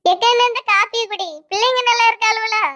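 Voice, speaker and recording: A woman's voice: very high-pitched, fairly even intonation. A voice actor playing a bossy middle-aged mother with a Kanyakumari accent who scolds and teases her family in a cartoon. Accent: Kanyakumari Tamil. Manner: sharp, scolding, quick comebacks.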